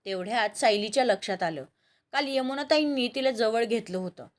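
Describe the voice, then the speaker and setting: Brief: steady, calm woman narrating a family drama. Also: a little high, a little fast. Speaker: storyteller. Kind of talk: scripted story narration.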